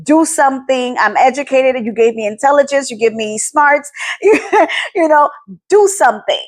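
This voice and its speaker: A woman's voice: high voice, normal speed. A woman in her forties sharing a personal faith testimony, emotional and close to tears, repeating words for emphasis. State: teary, near crying. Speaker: podcast host. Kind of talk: personal testimony, casual talk.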